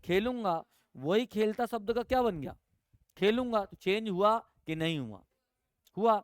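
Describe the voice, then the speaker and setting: A male teacher from giving a classroom grammar lesson, asking the class questions, answering them himself and repeating key words slowly. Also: sits high, lively intonation, clear, resonant tone, dry recording, clean studio sound.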